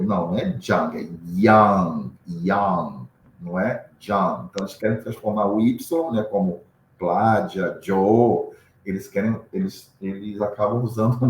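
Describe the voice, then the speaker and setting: A man from Brazil, an English teacher, explaining in a casual interview, often acting out pronunciations and adding tag questions. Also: fairly low pitch. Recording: roomy echo with faint background noise.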